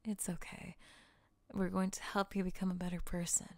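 A woman voicing a calm young woman who frees her boyfriend by counter-hypnosis, speaking softly and soothingly in an audio roleplay. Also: on the low side, normal speed, no room sound, lightly acted. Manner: soft, whispery, soothing hypnotic delivery.

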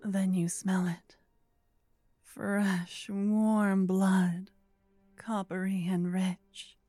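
A woman narrates a second-person ASMR story in a soft whisper. Her voice is mellow and breathy, and she lets each phrase linger slowly. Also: medium pitch, level tone, no room sound, studio quality.

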